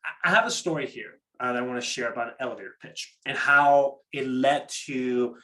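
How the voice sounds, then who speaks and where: A program manager presents an interactive online workshop on pitching, speaking fairly quickly in a pushed, bright mid-range voice. His explanations are conversational, and he often repeats words as he restarts and checks in with short tag questions.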